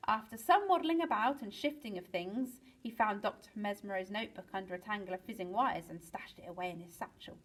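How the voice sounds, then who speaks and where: A woman teacher reads a children's chapter book aloud at a middle pitch. Her storytelling is lively, and she swings her voice up for the exciting moments. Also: brisk, hardly any pauses, poor audio. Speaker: teacher reading to pupils.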